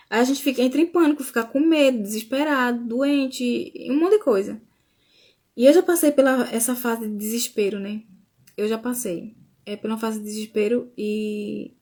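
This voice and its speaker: A woman's voice: a little high, a little mellow. A woman from Brazil, sharing a faith testimony in a casual live stream and often saying "né?". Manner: informal, with frequent restarts and "né?".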